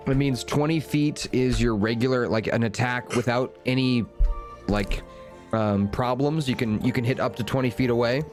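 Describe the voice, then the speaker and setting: A man's voice: mid-range voice, normal speed, faint music behind. A young man with an ordinary mid-range voice chats at a tabletop game. He talks easily and casually, explaining his moves and the rules as he goes. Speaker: player.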